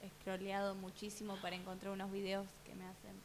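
A young woman with a Rioplatense Spanish accent, co-hosting a podcast as an animated, jokey storyteller. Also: medium pitch, fast. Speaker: podcast co-host. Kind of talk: casual chat. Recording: faint hiss.

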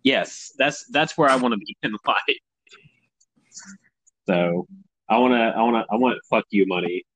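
Speaking expressively at a measured pace with long pauses, a 30-year-old Southern-accented podcast host from Tennessee riffs wryly and with plenty of swearing, voicing other people's remarks in this casual comedy chat. His pitch is fairly low and a bit bright. The audio is dry and low quality.

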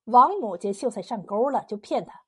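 A woman tells a folk legend in a lively, expressive storybook style. Her voice sits high and light. The delivery stays smooth and scripted from line to line. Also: normal speed.

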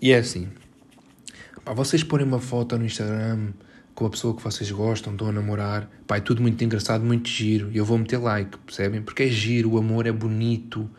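A man's voice: lowish voice, flat delivery, brisk, a little mellow, a little hiss or hum. A young man with a European Portuguese accent hosting a solo podcast from his bedroom, talking in a sarcastic, exasperated, mock-dramatic way. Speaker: podcast host.

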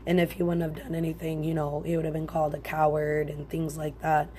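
A woman with a low voice, stuffed up from a chest cold, chats casually as a solo podcast host. Her nose sounds stuffy and her way of talking is blunt, slangy and playful. There is faint noise behind her. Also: a little fast. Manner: animated, blunt, slangy, jokey.

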